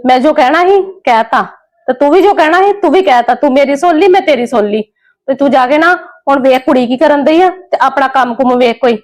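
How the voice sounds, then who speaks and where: A woman plays a kindly middle-aged lady of the house in a family drama skit. She soothes and gently lectures in a slightly high, even voice. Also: a little fast, natural voice. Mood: stern. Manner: soothing, gently scolding, preachy.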